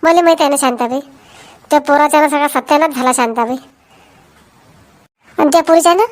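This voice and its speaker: A woman's voice: high-pitched, brisk, natural voice. A woman voicing a nosy village woman in a cartoon, speaking in a sly, needling way with a Varhadi Marathi accent.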